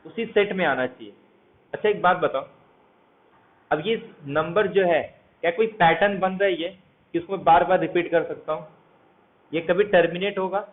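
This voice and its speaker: A man's voice: high voice, moderate pace, pauses often. Man teaching math over tinny audio. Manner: walks through steps, asks students questions. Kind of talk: explanatory lecture. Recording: tinny phone-like audio, faint hiss.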